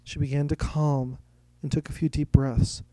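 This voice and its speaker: A man narrating a story in a steady, even reading style. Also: a little high, normal speed, no room sound.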